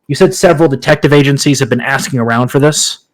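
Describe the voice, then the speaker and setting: A man's voice: mid-range voice, fast. A man playing a tabletop game, talking casually and hesitantly as he plans his moves. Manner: hesitant, lots of ums and restarts. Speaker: player.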